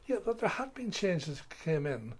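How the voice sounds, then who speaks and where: An older retired school principal, telling stories in an interview in a halting way, full of restarts and fillers. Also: male voice, fairly high pitch, sing-song, slight background noise. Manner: halting, many restarts and fillers, playful when telling a prank. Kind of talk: interview storytelling.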